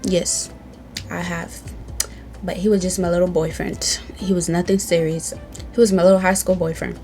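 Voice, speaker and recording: With faint music behind her, a young woman from Tanzania speaks at a moderate pace in a lowish, warm voice with flat delivery. The beauty vlogger reads from a tablet at home during a bold, playful, sassy get-to-know-me chat to camera.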